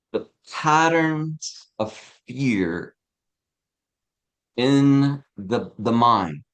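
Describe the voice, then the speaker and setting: Slow relaxed man teaching a spiritual class. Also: mid-range voice. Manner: relaxed, chuckling, frequent "right?". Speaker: teacher of a tarot study group. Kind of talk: casual spiritual class talk.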